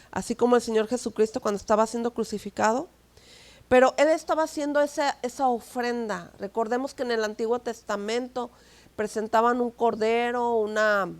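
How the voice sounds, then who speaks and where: A woman pastor with a Mexican Spanish accent preaching a sermon, full of rhetorical asides and tag questions, swinging between soft asides and emphatic declarations. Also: fairly high pitch.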